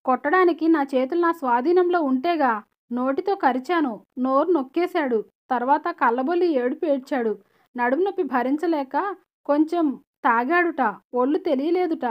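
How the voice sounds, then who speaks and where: A woman's voice: high-pitched, moderate pace, highs cut off, natural voice. A woman reading an audiobook, voicing a desperate, tearful young woman. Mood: distraught. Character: distraught young woman, sobbing younger sister.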